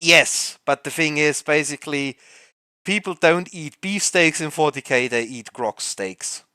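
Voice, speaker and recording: A man's voice: on the high side, a little slow, bright, forceful tone, clean tone, dry recording. A man on a voice call, chatting loosely as game master while planning a tabletop game, swearing and tripping over his words.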